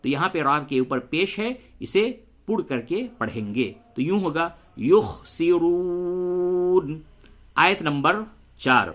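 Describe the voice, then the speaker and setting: A man teaching Quran recitation, patiently spelling letters aloud and reciting verses very slowly. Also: a little high, sing-song, sharp tone. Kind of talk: tajweed lesson with slow recitation and spelling.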